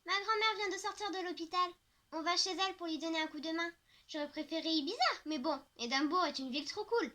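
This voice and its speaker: A woman voicing an excited, teasing teenage schoolgirl in an audiobook. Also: extremely high pitch, quick pace. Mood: chatty. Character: bubbly boy-crazy teenage schoolgirl. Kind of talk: audiobook character voice.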